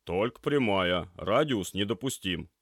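A man voicing a gruff, calm male shop owner who speaks in a matter-of-fact way. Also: sits low, measured pace, no echo, clean studio sound, pitched above the performer's own voice, exaggerated voice.

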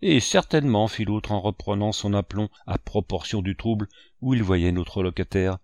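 Audiobook: sugary, mocking old pirate read by a man, sly and lively, dry close sound. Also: fairly low pitch, normal speed, no room sound, close to an everyday voice. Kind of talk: audiobook character voice.

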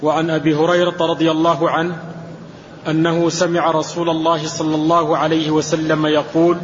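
A man's voice: a little high, slight background noise. Man reading a classical text aloud in a hall. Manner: steady measured recitation of the text. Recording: dull recording with long hall reverb.

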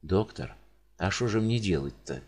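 A man voicing a frightened, grumpy middle-aged male patient, speaking low and quiet. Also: very animated, a little slow. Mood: glum.

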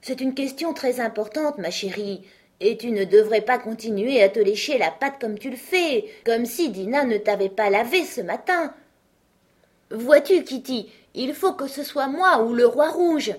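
A woman's voice: fairly high pitch, lively intonation, measured pace, pitched above the performer's own voice. A woman voicing Alice, a curious, chatty young girl who fondly scolds her cats in a storybook reading.

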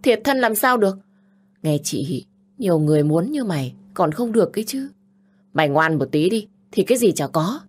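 A woman's voice: fairly low pitch, sing-song, moderate pace, breathy edge. A woman voicing a bossy, scolding older sister. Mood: pushy. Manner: nagging, scolding, harsh.

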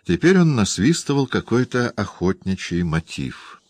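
A man narrating a literary novel in a measured, even storytelling voice. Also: lowish voice, no echo. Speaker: audiobook narrator.

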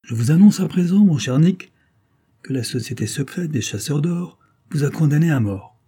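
A man voicing a boastful gang chief who threatens his captives with loud, sonorous phrases, in a storybook reading. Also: fairly high pitch, lively intonation, moderate pace, husky, voice pushed up. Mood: mocking.

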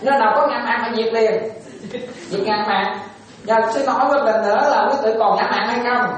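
A Buddhist monk teaches lay followers, often pausing to quiz them and acting out short exchanges. His voice rings through a very echoey room. He stands away from the microphone, so he sounds distant. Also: high voice, crowd noise. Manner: asks the audience questions, plays out little dialogues. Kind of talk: dharma talk to lay followers. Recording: echoey room, voice far from the mic.

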